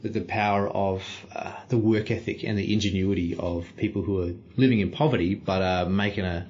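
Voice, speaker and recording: A low-voiced man speaks as a podcast guest, telling stories in a thoughtful, searching way with plenty of fillers. The recording sounds a little dull and lo-fi. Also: fairly even intonation, fairly quick, a little mellow. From Australia. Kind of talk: reflective storytelling.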